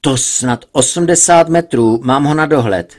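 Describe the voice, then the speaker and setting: A man with a husky voice voicing a tense male pilot who reports distances in clipped sentences. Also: on the high side, a little mellow, pitched above the performer's own voice, lightly acted. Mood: reporting.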